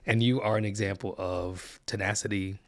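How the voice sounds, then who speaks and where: A man's voice: lowish voice, fairly even intonation, moderate pace. An older man hosting a podcast interview, easygoing, affirming and playful as he chats with his guest. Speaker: podcast host. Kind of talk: casual interview chat.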